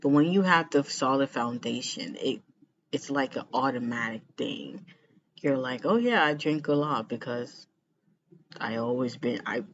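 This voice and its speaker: A vlogger chatting casually to the camera in a rambling way, repeating phrases for emphasis. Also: medium pitch. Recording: muffled lo-fi sound with background noise.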